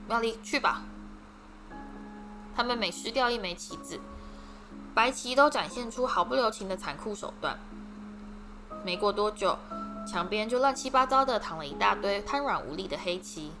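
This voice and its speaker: A woman's voice: mid-range voice, lively intonation, moderate pace. Woman narrating a storybook over music. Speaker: audiobook reader. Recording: background music.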